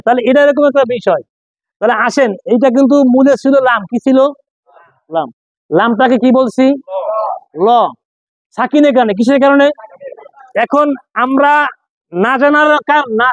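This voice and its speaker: A man's voice: very high-pitched, no room sound, lo-fi sound. A man teaching Quranic letter reading to a class, spelling out sounds and asking questions that he answers himself. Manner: drills spelling by call and response, asks questions and answers himself. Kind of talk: classroom lesson.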